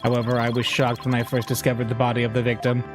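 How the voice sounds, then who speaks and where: A man voicing a curt male bomb squad specialist in a game playthrough, speaking in a flat, robotic, synthesized-sounding monotone with clipped, terse phrases. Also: medium pitch, fast talker. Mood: robotic deadpan. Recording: game music playing behind.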